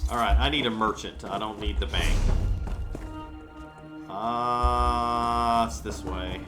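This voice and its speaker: A man's voice: on the low side, takes it slowly, over music. A man giving casual video game walkthrough commentary, thinking aloud as he goes.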